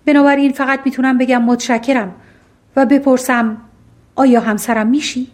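A woman voicing a lonely male beast in an audiobook fairy tale, speaking in a halting, plain and soft way. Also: high-pitched, steady tone, close to an everyday voice. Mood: earnest. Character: gruff lonely beast, male, shy and humble. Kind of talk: audiobook storytelling.

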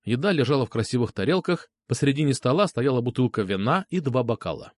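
A man narrating an audiobook in the first person, reading in an expressive, animated way. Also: medium pitch, fast, no room sound, clean studio sound.

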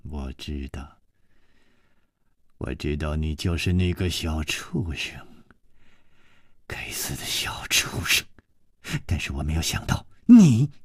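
A man's voice: a bass voice, animated, takes it slowly, long pauses, husky, no room sound, in a whisper, clean studio sound, pitched below the performer's own voice, heavily acted. A man voicing a fierce middle-aged martial-arts woman who threatens in a cold, hard voice. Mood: furious.

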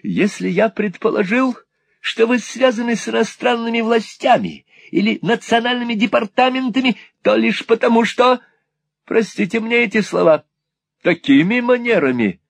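A man voicing an eccentric, pompous old gentleman who talks in grand, flowery courtly phrases, in an audiobook reading. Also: sits high, expressive, moderate pace, creaky, no echo, voice pushed up, exaggerated voice. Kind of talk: audiobook character voice.

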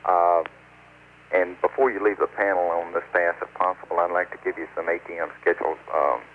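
A man working as mission control radio operator, briskly reading out numbers and instructions over a crackly, noisy space radio link. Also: low voice, steady tone. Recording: noisy tinny radio transmission.

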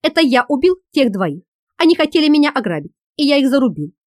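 A woman voicing a bold young male swordsman who shouts commands in an audiobook. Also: sits high, big pitch swings, quick pace, no room sound, studio quality. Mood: defiant.

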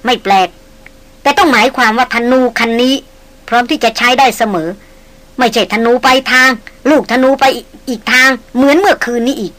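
Brief: woman reading a calm, stern male hunter guide, measured delivery. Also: high-pitched.

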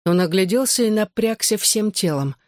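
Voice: medium pitch, lively intonation, normal speed, darkish tone, no echo. First-person novel narration, emotional, tense, dry studio sound. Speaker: audiobook narrator.

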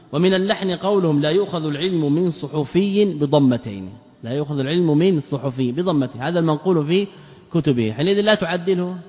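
A man's voice: on the high side, big-room sound. A man teaching a classroom lecture as an Islamic scholar, who explains, repeats his phrases and asks rhetorical questions.

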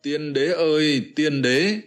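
A man's voice: medium pitch, very animated, normal speed, faint music behind. A man voicing an emotional young officer in an audiobook, with impassioned, tearful outbursts. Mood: wailing. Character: young male officer, emotional and quick to weep. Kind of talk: scripted narration of a historical novel.

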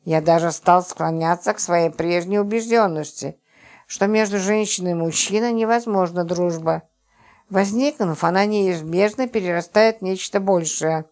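A woman's voice: medium pitch, a little mellow, natural voice. A woman reading as a hot-tempered, sarcastic man. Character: jealous, sharp-tongued man, prone to outbursts.

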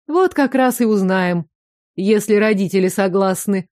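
A brisk, teasing middle-aged doctor, grumbling fondly at her family while she works, as a woman narrator puts her on. Her voice is mellow and mid-pitched, heard close and dry, like a storybook audiobook. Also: dry recording, lightly acted. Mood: bustling.

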